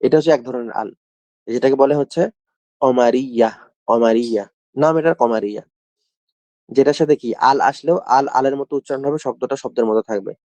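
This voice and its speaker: Man, Arabic teacher, mellow voice, dry close sound, repeats phrases, asks questions. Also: medium pitch, fast talker, no room sound, highs cut off. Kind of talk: classroom lesson.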